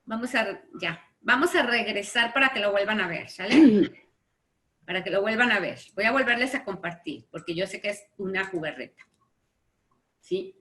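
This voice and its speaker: A woman with a Mexican Spanish accent teaching an online literature class from home, checking in with her students through constant quick questions. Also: mid-range voice, expressive, pushed and bright. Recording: echoey room.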